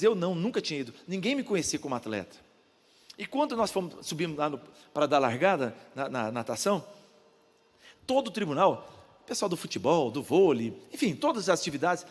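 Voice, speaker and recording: A man's voice: on the high side, big-room sound. An older man with a Brazilian Portuguese accent, a pastor preaching a sermon and telling a story, acting out the voices of the people in it. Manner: storytelling, acts out the voices of others in his anecdotes. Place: church.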